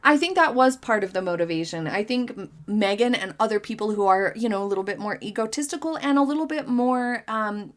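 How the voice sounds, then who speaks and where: A woman's voice: medium pitch, brisk, few pauses. A woman hosting a casual commentary vlog, reading out viewer comments and giving her opinions in a chatty way, with frequent hedges and fillers. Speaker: commentary channel host.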